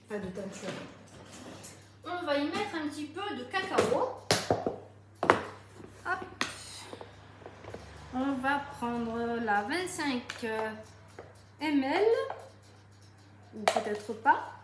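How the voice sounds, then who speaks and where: Chatty southern French woman, unhurried. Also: sits high, animated, reverberant, very noisy. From southern France. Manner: chatty, addresses viewers directly. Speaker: Tupperware demonstrator. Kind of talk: casual cooking tutorial.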